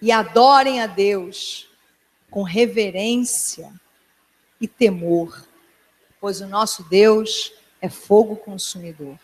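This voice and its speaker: A woman pastor preaching a sermon in a church, earnest and emphatic, sometimes dropping to a hushed tone. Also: mid-range voice, slow, pauses often. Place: church hall. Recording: long church hall reverb.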